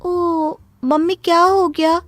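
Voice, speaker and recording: A woman's voice: very high-pitched, flat delivery, slow pace, fairly bright tone, no echo, faint music behind, exaggerated voice. A woman voicing a spoiled, lazy young daughter in a cartoon story, talking in a whiny, careless way.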